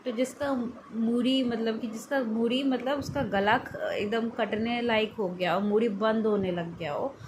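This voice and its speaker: A woman's voice: fairly high pitch, unhurried, few pauses. Woman vocab teacher, casual and repetitive, noisy background. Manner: chatty, repeats words as memory aids. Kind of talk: casual explanatory lesson. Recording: steady background noise.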